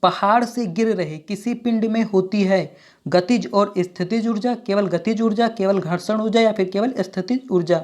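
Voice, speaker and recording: A woman teacher reading out exam questions and options and then giving each answer, with steady, repetitive phrasing. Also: medium pitch, moderate pace. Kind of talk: exam quiz walkthrough.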